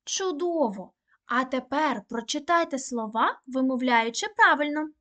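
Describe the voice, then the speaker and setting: A woman teaching a recorded online primary-school lesson, dictating words slowly and clearly. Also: high voice, lively intonation, sharp tone. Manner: slow, clear, deliberate dictation.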